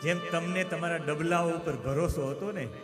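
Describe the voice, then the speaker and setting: A man giving a devotional storytelling sermon, an animated teller who swings between hushed and loud emphatic lines. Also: a little high, moderate pace. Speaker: spiritual speaker. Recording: long hall reverb with music behind.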